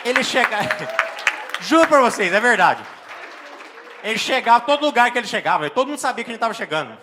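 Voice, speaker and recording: A Brazilian man with a Brazilian Portuguese accent doing stand-up comedy and telling an animated story on a live stage, with exaggerated exclamations and acted-out scenes. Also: very high-pitched, a little fast, crowd noise, background noise. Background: faint audience laughter.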